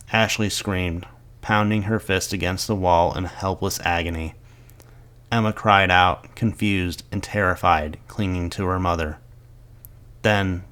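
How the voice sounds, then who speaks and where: A man reading a scripted horror story aloud in a dramatic, measured storytelling delivery. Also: sits low, fairly bright tone.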